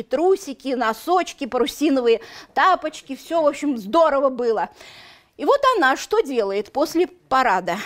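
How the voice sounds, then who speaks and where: Female storyteller, fifties, high voice, expressive, speaking to camera in a small museum room. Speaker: local history storyteller.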